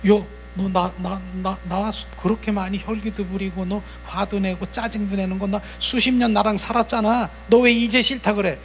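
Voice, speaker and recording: A man's voice: high voice, little pitch movement, moderate pace, few pauses, a little hiss or hum, voice pushed up, lightly acted. A male preacher voicing whining evil spirits that plead to stay inside a believer. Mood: indignant. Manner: wheedling, pleading, then sulking.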